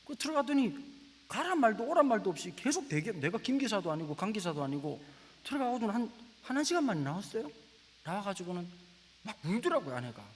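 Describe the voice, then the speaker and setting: A man in his forties preaching a sermon, telling a family story with lively acted-out dialogue and sudden drops to a whisper. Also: high-pitched, quick pace. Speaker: pastor. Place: church sanctuary. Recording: echoey church hall with faint hiss.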